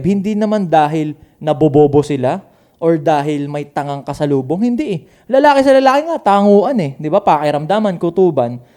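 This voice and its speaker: Male co-host, high pitched and warm, loose and profane. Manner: swears a lot, animated. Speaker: podcast co-host. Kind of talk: casual chat.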